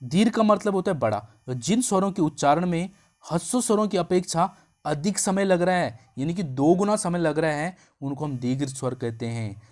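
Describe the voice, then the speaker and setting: A man teaching an exam-prep grammar lesson, explaining step by step, drawing out sounds to show them and checking in with quick questions. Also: a little high, lively intonation. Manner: draws out vowel sounds to show their length.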